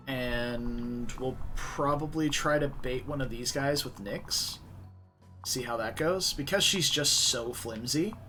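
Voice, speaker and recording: A man's voice: medium pitch, sharp tone. A man giving casual let's play commentary, thinking aloud about strategy and speaking to viewers. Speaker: gamer.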